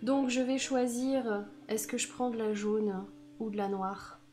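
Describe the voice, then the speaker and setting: A woman's voice: on the high side, steady tone, measured pace, darkish tone, faint music behind. A woman with a Franc-comtois accent streaming a board game, laughing often and thinking her moves through aloud. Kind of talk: live board game play with banter.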